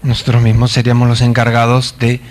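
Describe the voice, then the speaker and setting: A man from Argentina, giving a conference talk in a halting manner with many fillers and wry asides. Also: mid-range voice, completely flat delivery, darkish tone. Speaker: conference speaker. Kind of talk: lecture. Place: conference stage.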